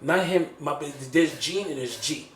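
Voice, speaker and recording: A man telling a personal story on a casual podcast, animated and repeating phrases like "you feel me". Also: on the high side, unhurried, echoey room, slight background noise. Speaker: podcast host.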